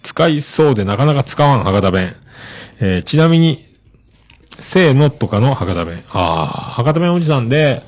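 A man hosting a podcast, chatting casually as he reads out listener messages with many relaxed fillers. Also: mid-range voice, moderate pace. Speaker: podcast host.

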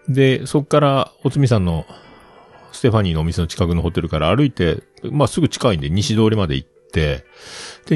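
A middle-aged man with a mid-range, slightly mellow voice casually rambles through a personal story, acting out the parts he quotes like a chatty storyteller. There's no echo on the recording.

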